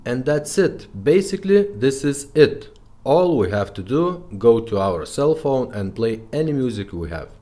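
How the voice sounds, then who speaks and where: A presenter who retrofits car radios gives a casual, informal product demo in a dark, mid-range voice with big pitch swings. He speaks unhurriedly and keeps checking in with short tags like "okay?" and "right?"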